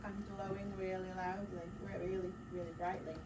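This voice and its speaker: The voice is a woman's, medium in pitch and normal in speed, as a teacher reads a picture book to children. Expressive and dramatic, she gasps at key moments and pauses to offer encouraging prompts, asides and questions. The audio has a roomy feel from a distant mic, with background noise clearly present.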